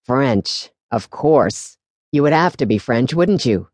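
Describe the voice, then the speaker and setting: A woman's voice: rumbling low, lively intonation, slow pace, a little mellow, slightly rough, dry recording, heavily acted. A woman narrator voicing a jovial, squat male priest who sighs and jokes at his own expense in an audiobook reading. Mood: exasperated.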